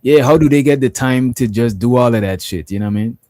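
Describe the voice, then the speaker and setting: A man's voice: mid-range voice, quick pace, warm tone, dry recording. Male co-host, pastor; blunt, slangy, profane, mid-range voice, dry close mic. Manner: blunt, profane, loose slang, frequent "you know what I mean". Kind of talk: casual podcast chat.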